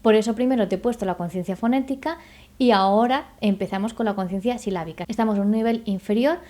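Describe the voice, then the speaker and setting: A woman speech therapist giving an online lesson, explaining patiently, sounding out syllables slowly and checking in with the viewer. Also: medium pitch, mellow. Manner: addresses the viewer directly with checking questions. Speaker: speech therapist teaching a course.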